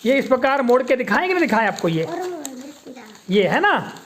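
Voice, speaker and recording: A woman teaching young children in a classroom, coaxing them and repeating words slowly for them to say back. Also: a little high, big pitch swings. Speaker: primary school teacher.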